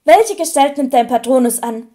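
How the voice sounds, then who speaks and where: A woman voicing a calm, kind middle-aged male wizard who speaks gently and steadily in an audiobook. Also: sits high, moderate pace.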